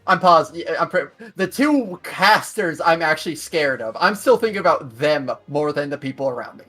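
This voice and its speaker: A man's voice: fairly high pitch, lively intonation, moderate pace, sharp tone. A man chatting casually as a player in a tabletop game. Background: faint music.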